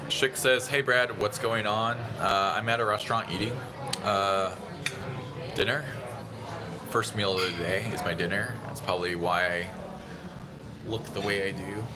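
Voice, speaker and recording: A man in his thirties, hosting a casual phone livestream, rambling in a relaxed way and answering viewer chat. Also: fairly low pitch, unhurried, long pauses. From San Diego, USA. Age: 30s. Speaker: livestream host. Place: busy restaurant indoors. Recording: phone audio with busy restaurant chatter. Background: restaurant crowd chatter.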